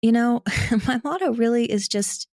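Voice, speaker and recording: An unhurried woman with a somewhat high voice, recorded dry and clean in a studio. She's a podcast guest who makes audio dramas, and her interview style is candid and relaxed, full of "like" and animated renditions of her own inner thoughts.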